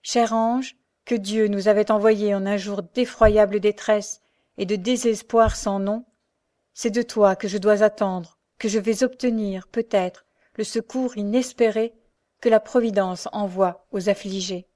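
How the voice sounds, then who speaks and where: A woman's voice: mid-range voice, fairly even intonation, a little slow, warm tone, close to an everyday voice. A woman reading an anguished young woman. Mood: exalted. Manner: impassioned, pleading. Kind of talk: audiobook character reading.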